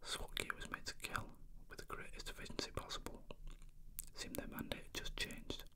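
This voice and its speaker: A person reading a novel aloud in an unvoiced whisper, as ASMR narration. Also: a little fast. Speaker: reader.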